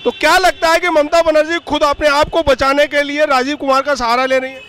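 High, bright-voiced male street reporter. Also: flat delivery, fairly quick. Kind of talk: vox-pop street interview. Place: outdoor city street.

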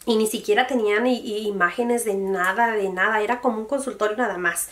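A woman's voice: medium pitch, a little fast. A young woman, telling a personal story in a casual, emotional vlog and acting out what others said. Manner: emotional, animated retelling that quotes other people. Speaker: beauty vlogger. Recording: voice a bit far from the mic.

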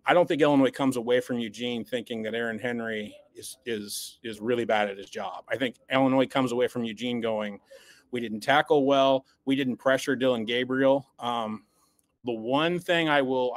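With a medium-pitched voice and no room sound in the recording, this podcast co-host delivers sports post-game analysis in an emphatic, blunt manner, stumbling over repeated words as he gathers steam.

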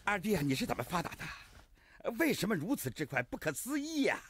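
An actor playing a greedy, scheming county magistrate in a comic period drama, full of theatrical wailing exclamations. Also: male voice, high voice, very animated, brisk, husky, no room sound, full character voice. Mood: skeptical. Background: drama score music.

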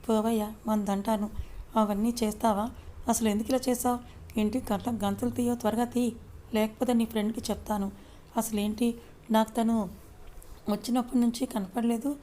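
A woman's voice: a little high, level tone, moderate pace, pauses often, warm tone, slight background noise, lightly acted. A woman storyteller voicing a sulky, playfully complaining young wife in an audio story. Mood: sulky complaint. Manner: pouting, complaining.

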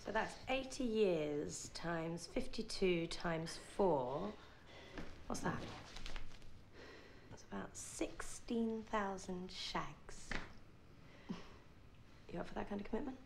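A woman's voice: lowish voice, lively intonation, slow, creaky, long pauses, darkish tone, a little hiss or hum, full character voice. A teasing woman. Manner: teasing, swings to shrieks when panicked. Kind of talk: film acting.

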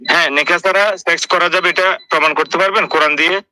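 A man's voice: on the high side, fairly even intonation, fast, sharp tone, no echo, poor audio. A man joining a live online call as a guest, debating insistently and pressing others with pointed questions. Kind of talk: heated religious debate.

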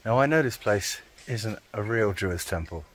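A man's voice: on the low side, expressive, normal speed. A man, a touring musician, talking casually to a handheld camera while out walking, chatty and self-mocking. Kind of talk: casual travel vlog chat. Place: outdoors on walks and sightseeing.

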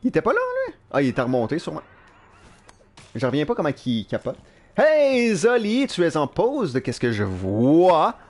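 A young man with a Quebec French accent giving live gameplay commentary in an animated, self-mocking way, swearing casually. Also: medium pitch, brisk, slightly rough. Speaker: live streamer. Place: at work.

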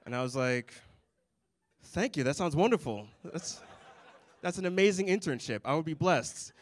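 A young comedian works through a stand-up set on a comedy club stage, holding a mic and delivering lines in a dry, deadpan way with small chuckles. His voice is on the high side and his pace moderate.

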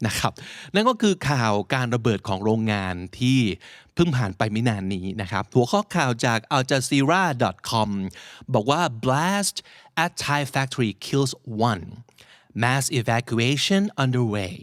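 A man hosting a podcast, explaining English vocabulary from news headlines in a lively, playful way. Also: medium pitch, slow, no echo, studio quality. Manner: lively, slips into playful put-on quotes.

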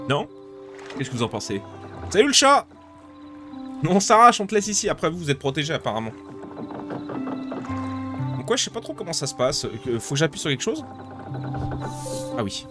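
Excitable swearing gamer. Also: male voice, on the high side, a little fast, long pauses. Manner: excitable, swears, pleads loudly with game characters. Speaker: gaming YouTuber. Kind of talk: casual let's-play commentary. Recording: game music playing behind the voice.

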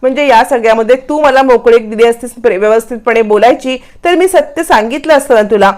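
A woman's voice: a little high, quick pace, a little mellow, close to an everyday voice. A woman voicing an earnest young wife who explains herself in a defensive, sincere way.

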